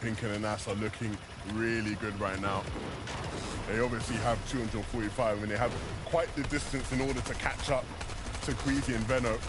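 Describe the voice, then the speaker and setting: A man's voice: lowish voice, fairly even intonation, moderate pace. A man giving live esports analysis in flowing sentences that stress what is at stake. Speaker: esports caster. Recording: game gunfire noise behind. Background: video game gunfire and ambience.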